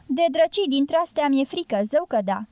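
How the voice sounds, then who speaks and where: Lady doing a chatty joking guerrilla guy, voice pushed way up high, dry close sound. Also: animated, mellow, dry recording. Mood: scared. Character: joking, fearful Romani man, a guerrilla fighter.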